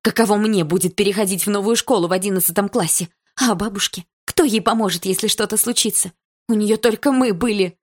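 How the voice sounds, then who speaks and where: A woman's voice: fairly low pitch, moderate pace, husky, pitched above the performer's own voice. A woman voicing a teenage schoolgirl who pleads and then argues heatedly in an audiobook. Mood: angry. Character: teenage schoolgirl, upset and defiant.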